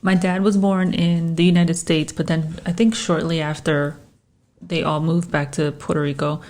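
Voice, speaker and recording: A woman from New Jersey co-hosting a podcast, talking in relaxed, casual chat and chiming in with short agreements. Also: deep voice, normal speed. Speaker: podcast co-host.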